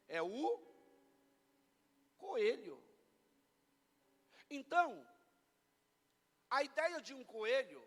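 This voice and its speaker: A man with a Brazilian Portuguese accent preaching a lively Easter sermon as pastor, bantering playfully with his congregation. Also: extremely high pitch. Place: church hall. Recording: long church hall reverb.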